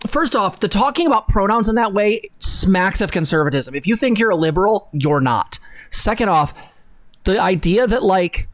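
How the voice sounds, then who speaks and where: A young adult livestream co-host with a mid-range, expressive voice talks at a moderate pace into a close desk mic on a boom arm. Blunt, emphatic, sarcastic and casually sweary, they deliver a dramatic reading mixed with opinionated reaction commentary. The setting is a small room indoors at home.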